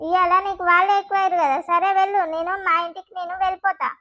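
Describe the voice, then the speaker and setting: A woman voicing a quarrelsome young village daughter-in-law with a Telangana accent, firing back sharp retorts. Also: very high-pitched, level tone, fast. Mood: combative.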